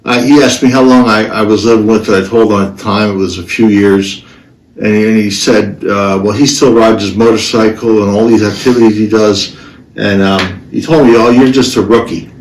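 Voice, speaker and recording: A middle-aged man hosting a casual podcast, talking bluntly and haltingly, with half his face numb. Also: fairly low pitch, fairly even intonation. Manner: halting, hesitant, blunt and profane. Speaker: podcast host. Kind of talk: casual solo podcast talk, personal storytelling. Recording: roomy, distant mic with faint noise.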